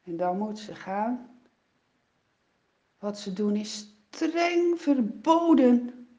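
A woman narrating a children's Bible story in a dramatic, expressive way, with sighs and exclamations, in a dull, lo-fi recording. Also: on the high side, very slow.

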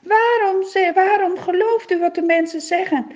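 A woman voicing a young man who calls out loudly and pleadingly to a king in a storybook tale. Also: very high-pitched, moderate pace, muffled recording, pitched above the performer's own voice. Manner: pleading, emphatic.

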